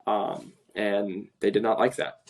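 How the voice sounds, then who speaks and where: A man chatting on a remote podcast call, telling a work story in an animated way and quoting other people, a self-described passionate talker. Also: fairly low pitch, a little slow, creaky. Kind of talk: casual podcast conversation.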